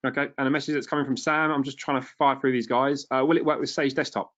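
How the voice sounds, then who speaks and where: A man hosting a webinar, thanking the presenter and briskly reading out viewer questions. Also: mid-range voice, fairly even intonation, fairly bright tone, muffled recording. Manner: friendly, brisk, reads out questions. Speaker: webinar host.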